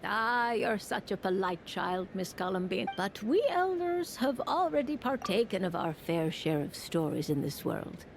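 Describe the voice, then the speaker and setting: A woman playing a genteel, kindly elder lady in a video game, speaking formally and gently. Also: mid-range voice, big pitch swings, unhurried, creaky, few pauses, faint music behind. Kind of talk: video game character acting.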